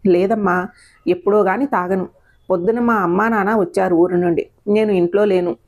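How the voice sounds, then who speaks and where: A woman's voice: mid-range voice, fairly even intonation, normal speed, a little mellow, muffled recording, natural voice. A woman voicing a young working man, hurt and earnest, pleading his side in an audio story. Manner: pleading, aggrieved.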